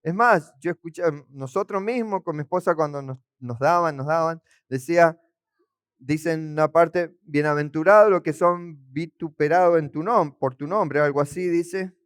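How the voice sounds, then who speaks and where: A male pastor preaching a sermon, teaching verse by verse and asking his listeners questions, slowing down to stress key words. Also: a little high, clear, resonant tone, no echo, studio quality. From Argentina.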